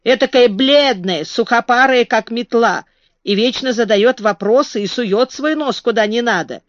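A woman's voice: a little high, normal speed, no room sound, muffled recording, voice pushed up, close to an everyday voice. A woman voicing a hot-tempered old male gardener who scolds and blusters. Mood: angry scolding.

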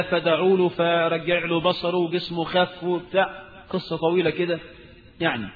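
A man's voice: high-pitched, long reverb tail, phone-quality sound, slight background noise. A man with an Egyptian Arabic accent preaching a recorded Islamic lecture, firing rhetorical questions and rising to emphatic outbursts.

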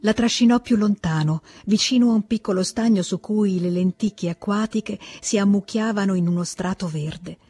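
A woman reading a classic novel aloud as an audiobook, in a calm, measured voice. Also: medium pitch, husky, dry recording. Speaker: audiobook reader. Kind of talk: literary audiobook narration.

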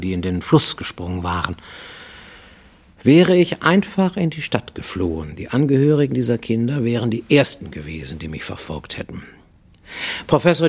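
In a radio play monologue, an actor plays a brooding Japanese man on the run who confesses in a husky, intense voice that sinks to near-whispers. His pitch is medium.

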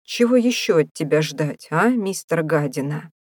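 A woman voicing a gruff, mocking male prison warder who bosses prisoners about in an audiobook. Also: low voice, expressive, normal speed, a little mellow, no room sound, studio quality. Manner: rough, taunting, bossy.

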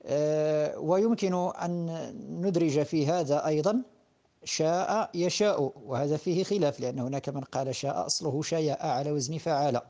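A man with a Moroccan accent teaching a grammar lesson, patiently repeating word forms and pausing on drawn-out fillers. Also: a little high, mellow. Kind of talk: classroom-style lesson.

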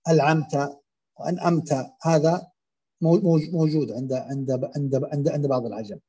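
A man teaching Quran recitation, explaining and demonstrating common pronunciation errors in a halting, filler-heavy way. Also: a little high, mellow, breathy edge. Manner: hesitant, many fillers and restarts, demonstrates pronunciations aloud.

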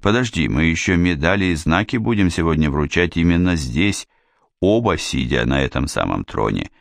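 A man voicing a confident male king who speaks softly and teases gently, in an audiobook reading. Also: low voice, very animated, normal speed, vocal fry, no echo, clean studio sound, full character voice. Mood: gentle. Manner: soft, gently teasing. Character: calm wry male king, confident ruler.

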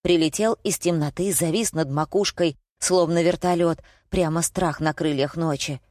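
A woman narrating an audiobook in the first person with lively, expressive storytelling. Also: sits low, normal speed, no echo, clean studio sound.

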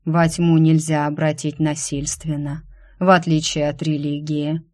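Woman voicing a cold, calm Death. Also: deep voice. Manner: unhurried, even, cold.

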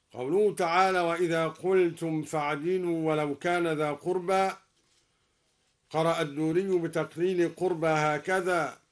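A man with an Egyptian accent explaining recitation variants in a slow, deliberate way, chanting each example melodically. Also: fairly high pitch. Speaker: Quran recitation scholar. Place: radio studio.

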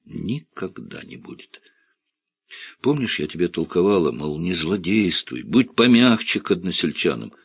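A weary, reproachful village woman from a spoken storybook, read by a man. The voice stays low and plain with a weary, scolding edge. It is heard dry and close to the mic. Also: sing-song, measured pace, slightly rough, no echo, heavily acted. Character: stern village woman, middle-aged, bitter and reproachful.

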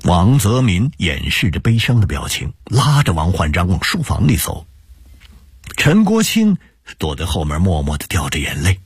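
A man narrating a radio story in a dramatic, expressive way, with a husky voice. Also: rumbling low, dry recording, clean studio sound.

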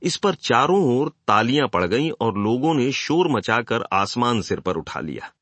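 An expressive male audiobook narrator. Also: medium pitch, unhurried, no room sound. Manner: expressive storytelling. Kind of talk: scripted literary narration.

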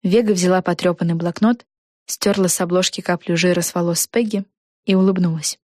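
A woman's voice: lowish voice, brisk, no echo, studio quality. Woman reading a children's story aloud. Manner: even, storytelling. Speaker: audiobook narrator. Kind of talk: scripted narration of a children's book.

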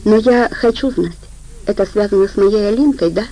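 A woman's voice: medium pitch, moderate pace, mellow, lightly acted, poor audio. A woman narrator voicing a timid, frightened young woman pleading in an audiobook. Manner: hesitant, pleading.

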